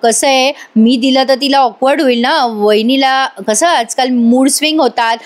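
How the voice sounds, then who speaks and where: A man's voice: very high-pitched, moderate pace. A woman voicing a scheming middle-aged husband who stammers and coaxes his wife nervously. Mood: nervous coaxing. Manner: stammering, coaxing.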